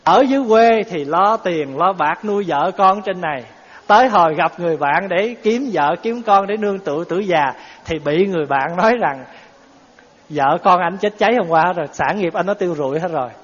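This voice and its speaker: A man's voice: high voice, breathy edge. Male Buddhist preacher, storytelling sermon with rhetorical questions, muffled hall sound. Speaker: Buddhist teacher. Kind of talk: dharma talk sermon. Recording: dull echoey hall recording.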